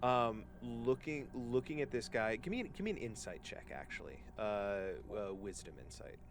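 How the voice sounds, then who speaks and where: A man narrating a tabletop game as game master, in a relaxed, halting way. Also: medium pitch, a little hiss or hum. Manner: relaxed, halting, lots of fillers.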